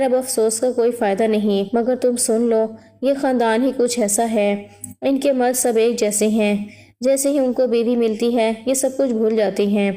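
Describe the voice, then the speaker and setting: A weary, stern middle-aged mother-in-law, read by a woman narrator in a storybook, talking frankly and giving blunt advice. Her voice sits a little high but has a soft, mellow tone. The telling stays plain and close to an ordinary reading voice. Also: natural voice.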